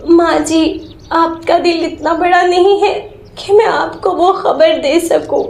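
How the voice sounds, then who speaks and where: A woman's voice: very high voice, steady tone, slow, creaky, darkish tone, exaggerated voice. A woman voicing Champa, a grieving sparrow widow. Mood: resolute. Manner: tearful, sobbing. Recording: roomy echo.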